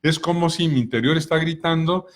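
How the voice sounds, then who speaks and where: Calm man explaining with examples. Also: fairly high pitch, a little fast. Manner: calm, explanatory, asks many rhetorical questions. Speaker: co-host of a personal growth talk.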